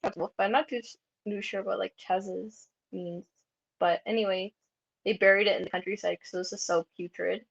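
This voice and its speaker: Woman, panel presenter, casual and rambling, lots of fry, muffled lo-fi capture. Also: mid-range voice, steady tone, normal speed. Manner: chatty, heavy use of "like" fillers. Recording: dull lo-fi recording.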